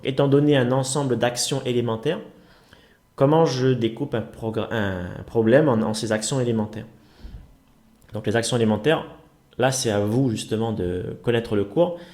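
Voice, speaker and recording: A man's voice: medium pitch, normal speed, darkish tone. A man teaching a programming exercise, thinking aloud with many fillers and restarts.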